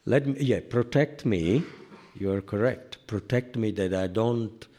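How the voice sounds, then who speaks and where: An older man with a deep, low voice teaches a relaxed spiritual class. He wanders through stories, filling his talk with "you know" and chuckling at his own self-mocking jokes. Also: unhurried. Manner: rambling, anecdotal, many "you know" asides; self-deprecating humor, laughs at own jokes. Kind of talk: informal scripture class sermon.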